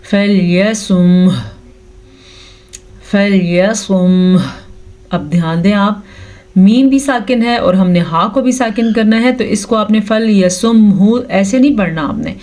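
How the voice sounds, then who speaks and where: A woman teaching Quran recitation with tajweed, patiently explaining each rule step by step and drawing out the recited verses very slowly. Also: medium pitch, darkish tone. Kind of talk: tajweed lesson with slow recitation.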